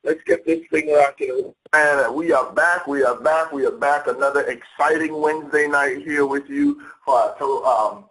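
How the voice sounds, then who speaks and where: An excited man speaks on a phone call from a home office, often repeating words and calling his listeners "y'all". His voice sits a little high. The room is echoey, and he is well back from the mic. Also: moderate pace, few pauses, far from the mic. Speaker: guest speaker on a sales call. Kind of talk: enthusiastic motivational call talk. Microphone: phone or conference line.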